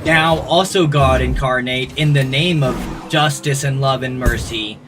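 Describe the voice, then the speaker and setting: A male gaming streamer chats and rants casually to his viewers during a livestream, rambling in a droning way and restarting often. His voice is mid-range and a little slow. Background noise is present, with clear music playing behind him.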